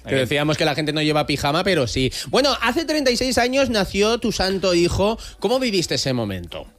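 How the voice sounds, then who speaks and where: A man's voice: high voice, huge pitch swings, fairly quick, fairly bright tone. A man from Vitoria hosting a morning radio show, introducing guests and teasing them in an upbeat way. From Vitoria, Basque Country, Spain. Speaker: radio host.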